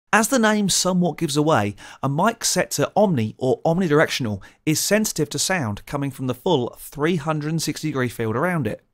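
Speaking at a medium pitch into a close studio condenser mic, a man presents a scripted audio tutorial for a gear channel, explaining things clearly and methodically.

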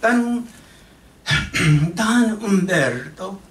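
A high-voiced, middle-aged man performs a scripted theatrical monologue at a stage podium, alternating between Spanish and English. He speaks expressively and with emphasis, pausing deliberately, into a stand-mounted microphone. The sound comes from far off in a reverberant hall, with a little background noise.

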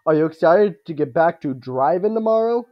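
A man's voice: fairly high pitch, animated, moderate pace, muffled recording, pitched above the performer's own voice, natural voice. A man voicing a jovial, bumbling, friendly older man from a video game, in a hearty manner. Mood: jolly, friendly. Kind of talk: video game character read aloud.

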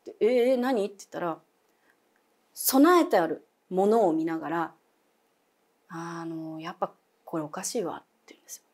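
A woman's voice: lowish voice, moderate pace, pauses often, darkish tone. A young adult woman telling a ghost story as a guest, dramatic, dropping to whispers and acting out voices.

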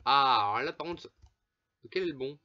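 A man's voice: mid-range voice, animated, moderate pace, pushed and bright, highs cut off. Casual young-sounding man commenting a game. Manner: swears often, laughs, chatty asides to viewers. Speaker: gameplay commentator. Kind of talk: casual let's play commentary.

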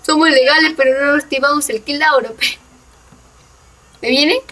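Her voice sits high and sharp, moving at a moderate pace, as this young woman from Peru plays a game with a friend. A gaming channel host, she chats casually, teases and laughs often. The noisy mic picks her up from a distance.

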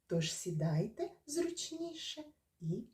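A woman, a kindergarten teacher, talking slowly and gently to young children in class, encouraging them. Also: fairly high pitch, big pitch swings. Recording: echoey room from far off.

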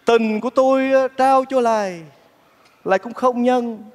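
An actor playing a kind-hearted bachelor neighbor in a stage comedy, talking in a soft, coaxing, earnest way. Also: male voice, very high-pitched, takes it slowly. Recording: reverberant theater stage, faint music.

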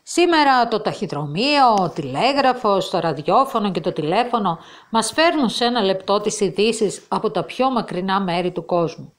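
A woman reading a children's story from an old school reader aloud, voicing the characters' lines with extra expression. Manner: expressive reading, raising pitch and voice for the quoted characters.

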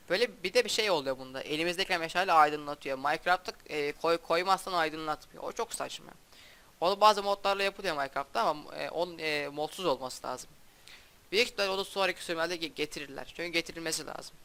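A young man casually commenting on his own gameplay as a YouTuber, talking in a halting, stumbling way with frequent restarts and a flat, subdued delivery. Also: a little high, clear, resonant tone. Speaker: gaming YouTuber.

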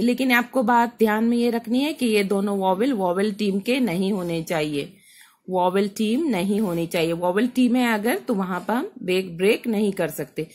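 Woman explaining syllable rules, spells words letter by letter, keeps asking "okay?". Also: medium pitch. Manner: mixes English terms into Hindi. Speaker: teacher. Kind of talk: phonics lesson for parents.

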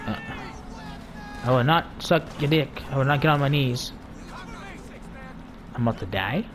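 A man's voice: medium pitch, a little slow, noisy background. A man giving casual, joking gameplay commentary, swearing a lot and laughing as he plays. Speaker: gamer.

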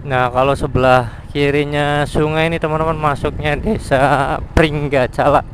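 Guy motovlogging on his bike, pretty monotone, engine and wind noise all over. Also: fairly high pitch, moderate pace, poor audio. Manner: relaxed, thinking aloud, reading signs as he passes. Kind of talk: casual ride commentary. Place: riding a motorcycle on village roads outdoors. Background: motorcycle engine and traffic.

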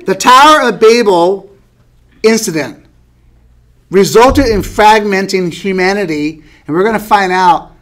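High-voiced man teaching a Bible class. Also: unhurried, a bit bright. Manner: conversational, asks the class questions, light laughs.

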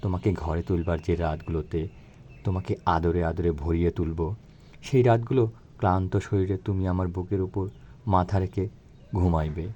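Give me a man with a very deep, mellow voice reciting a romantic poem-drama. He speaks softly and tenderly, slowing down and dropping lower on the loving lines. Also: steady tone, muffled recording. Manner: soft, tender and slow, sinking low on lines of love.

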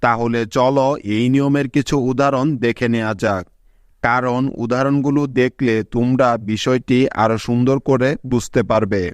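A man teaching English spelling rules in a measured, instructive tone, speaking to his students. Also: medium pitch, fairly even intonation, smooth, dry recording. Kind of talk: slow scripted lesson narration.

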